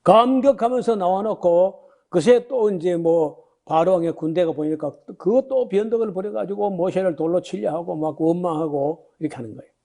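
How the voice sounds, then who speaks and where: A man's voice: high-pitched, normal speed, gravelly, mellow. A man in his sixties, a pastor giving a Bible lecture, talking in a conversational way with many fillers and rhetorical questions, and reading scripture aloud before he explains it. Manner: reads scripture passages aloud then explains. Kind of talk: sermon-style Bible lecture.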